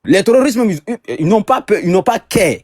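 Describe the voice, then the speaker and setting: A man's voice: sits high, very animated, a little fast, darkish tone, no room sound, studio quality. A man from Ivory Coast, a caller in a heated online debate, who stumbles and repeats words as he argues. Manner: hesitant, repeats words, gets defensive.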